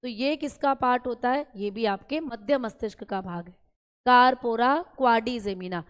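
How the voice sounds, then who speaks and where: A woman's voice: a little high, normal speed, clear, resonant tone. Woman teaching online, keeps repeating terms, talks right to the kids, lots of hall echo. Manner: repeats terms, addresses students as beta. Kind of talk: online class lecture. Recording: long hall reverb.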